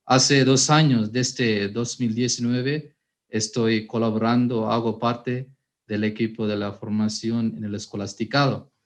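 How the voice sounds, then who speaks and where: A man, a priest and formator sharing his own story at a workshop, unhurried, with frequent hesitations and self-corrections. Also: mid-range voice. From Sri Lanka. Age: 30s. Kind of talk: personal testimony at a workshop.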